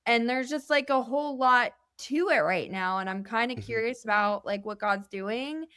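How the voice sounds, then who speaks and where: A young woman with a smooth, clear voice talks openly as a podcast guest. Her speech is earnest and meandering, full of little fillers and restarts. The sound is dry and close, with no room echo. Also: a little high, moderate pace, fairly bright tone. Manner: candid and earnest, rambling with many fillers. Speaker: guest musician. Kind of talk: casual podcast interview. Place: indoor podcast studio.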